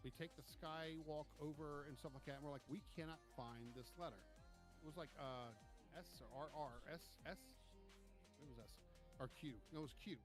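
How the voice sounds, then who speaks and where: A man telling a long trip story in casual chat, animated and profane, acting out what people said. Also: fairly high pitch, normal speed, music in the background. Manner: animated, profane, acts out quotes. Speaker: podcast co-host.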